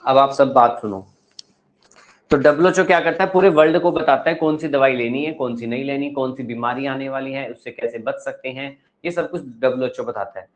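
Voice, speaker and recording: A man's voice: mid-range voice, fairly quick, dull audio. A male teacher lecturing a class, asking the pupils questions and giving advice.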